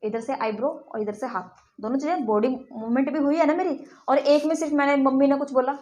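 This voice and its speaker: High-voiced woman teaching a class. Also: steady tone, a little fast, darkish tone, dull audio. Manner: scolds and teases students. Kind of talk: classroom lecture.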